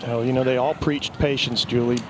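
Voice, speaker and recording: Male golf commentator over loud outdoor noise. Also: medium pitch, steady tone, a little fast. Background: outdoor golf course ambience.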